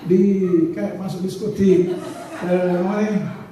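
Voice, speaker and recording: A man preaching a sermon as pastor, animated and acting out the stories he tells. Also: high-pitched, slow, slight background noise. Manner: animated storytelling, acting out scenes. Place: church. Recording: echoey church hall, distant mic.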